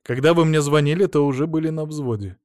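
A man voicing a calm, ironic police detective who speaks quietly. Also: a little high, fast talker, no echo, clean studio sound, natural voice. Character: calm, dry-witted male police detective.

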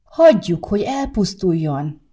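A woman's voice: fairly low pitch, gravelly, warm tone. A woman doing a fretful scolding grandmother. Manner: scolding, fretful, rising exclamations. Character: fussy worried grandmother, older woman. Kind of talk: audiobook character reading.

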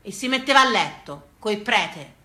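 A stage actress with a Tuscan accent recounts rustic family memories in a theatrical monologue, her storytelling folksy, rhythmic and emphatic. She uses a mid-range voice that is expressive, bright and forceful at a moderate pace. The room adds a noticeable echo.

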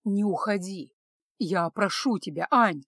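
A woman's voice: mid-range voice, expressive, a little slow, breathy edge, no room sound, studio quality. A woman voicing a desperate young man who pleads in a strained voice, in a storybook reading. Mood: pleading.

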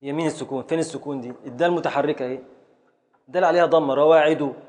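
A man's voice: on the high side, fairly even intonation, racing, a little mellow, big-room sound. A man with an Egyptian Arabic accent teaching a classroom lesson, drilling his students step by step with repeated questions.

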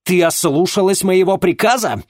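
A man voicing a strict, angry middle-aged father who scolds loudly in an audiobook. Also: mid-range voice, sing-song, normal speed, dry recording, studio quality, pitched above the performer's own voice. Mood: furious. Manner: loud, growling and scolding. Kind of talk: audiobook character voice.

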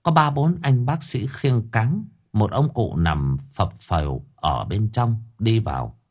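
Husky-voiced male storyteller. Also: lowish voice, slow pace, muffled recording. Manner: lively, colorful storytelling. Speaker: audiobook narrator. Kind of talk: storytelling narration.

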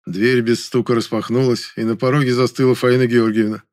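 A man's voice: medium pitch, flat delivery, fairly quick, a little mellow. A man reading a novel aloud in the first person, with a wry, dry delivery. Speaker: audiobook narrator.

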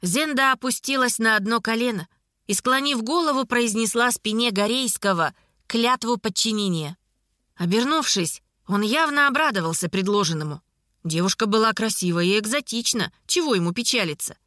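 Woman narrator, first-person audiobook, slightly high voice, wry measured tone, dry close recording. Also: expressive, sharp tone, dry recording.

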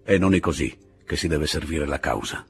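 Male narrator playing a weary, restrained demolitions man: steady, gravelly, low. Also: moderate pace, full character voice. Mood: measured. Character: calm, tired young male dynamiter, principled.

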